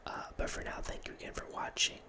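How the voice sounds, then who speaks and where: Fast and in a soft, unvoiced whisper, a man in his thirties rambles about a horror movie for his ASMR channel, breaking off to restart phrases and chuckle quietly. A large studio mic sits close in front of him, and he wears headphones. The small room at home lends the audio an intimate feel.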